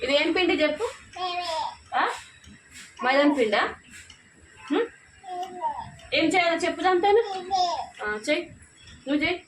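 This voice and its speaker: A woman's voice: sits high, moderate pace, long pauses, echoey room. A woman filming a casual home video, teasing her child and repeating her questions over and over. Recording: loud background noise.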